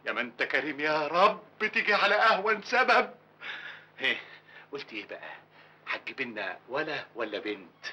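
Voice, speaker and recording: Overjoyed Egyptian husband. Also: male voice, fairly high pitch, very animated, fairly quick, a little hiss or hum, exaggerated voice, rough recording. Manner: exuberant, shouting his wife's name, gushing. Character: overjoyed husband, expecting his first child. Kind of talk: classic Egyptian film acting.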